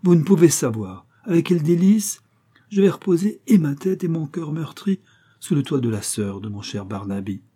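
A man's voice: fairly high pitch, big pitch swings, normal speed, dark tone, slightly rough, voice pushed up. A man reading aloud, voicing a scheming middle-aged widow who gushes effusively. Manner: effusive, cloying.

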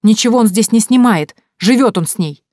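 A woman reading an audiobook, voicing a jealous young ex-girlfriend who mocks in a shrill way. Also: animated, moderate pace, darkish tone, no echo, clean studio sound. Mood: mocking. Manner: shrill, mocking.

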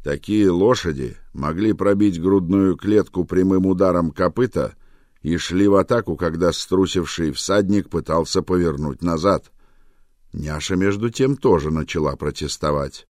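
A man reading a novel aloud as an audiobook narrator, in an even, measured storytelling manner. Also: low-pitched, dry recording, studio quality. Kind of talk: scripted narration.

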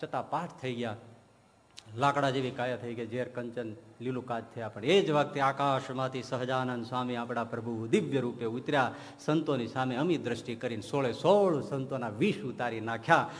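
Swami preaching in an echoing hall. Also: male voice, mid-range voice, moderate pace, slight background noise. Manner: animated storyteller who acts out quoted saints. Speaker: swami giving a religious discourse. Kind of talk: storytelling sermon. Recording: long hall reverb.

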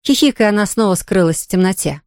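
Woman reading a kids story aloud, mid pitch, dry close sound. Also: expressive, fast talker, darkish tone, no echo. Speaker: narrator. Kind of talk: scripted storybook narration.

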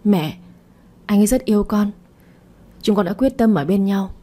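A woman's voice: mid-range voice, animated, moderate pace, warm tone, close to an everyday voice. A woman voicing a frightened, tearful young woman pleading with her mother. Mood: earnest. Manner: pleading, apologetic.

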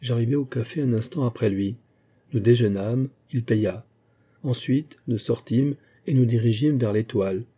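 A man narrating a first-person memoir as a literary audiobook, in a measured, even storytelling manner. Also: mid-range voice, husky.

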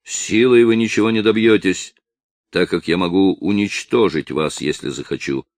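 A man's voice: low-pitched, normal speed, no echo, voice pushed up, lightly acted. A man voicing a haughty duke who gives cold, threatening orders, in an audiobook. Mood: commanding. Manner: cold, commanding.

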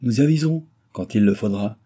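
A man's voice: lowish voice, lively intonation, fast talker, dark tone. A man doing a sarcastic old baron. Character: old skeptical nobleman, sarcastic and blustering. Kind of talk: audiobook reading.

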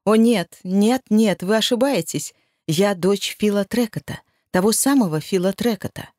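A woman voicing a panicked, defensive young woman in an audiobook, shrill and nervous. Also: lively intonation, moderate pace, darkish tone, no room sound, studio quality. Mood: forced brightness. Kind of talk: audiobook reading.

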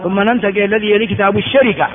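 High-voiced man teaching in an echoey hall. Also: fairly even intonation, rapid-fire. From Ethiopia. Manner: repeats words and asks rhetorical questions. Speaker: religious teacher. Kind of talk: classroom lecture on hadith. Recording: phone-like sound in an echoey hall.

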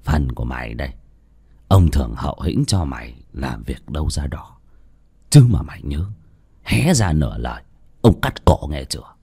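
A man plays a scheming old village elder in a spoken ghost story, muttering low and quiet. His voice drops deep and soft, with a hushed threat under every word. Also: very animated, moderate pace, creaky, long pauses, slightly rough, no room sound, clean studio sound, exaggerated voice. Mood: threatening.

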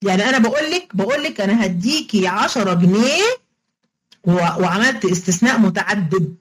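In an animated, fairly quick, medium-pitched voice that is slightly rough, a woman teaches religious studies online, and the recording is low quality. She has an Egyptian Arabic accent and coaxes her students playfully, repeating each step and quizzing them.

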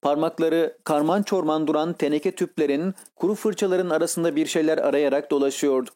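A man narrating a classic novel as an audiobook in a measured, literary reading style. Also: a little high, steady tone, warm tone. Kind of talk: scripted narration.

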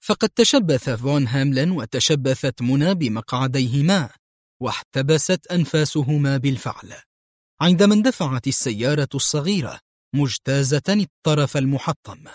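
A man's voice: medium pitch, animated, normal speed, no echo, clean studio sound. A man narrating an audio thriller in a dramatic, suspenseful reading style.

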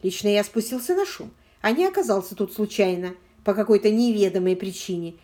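A woman voicing a smooth, haughty aristocratic man with a suave, ingratiating manner. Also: mid-range voice, expressive, fairly quick, mellow, close to an everyday voice.

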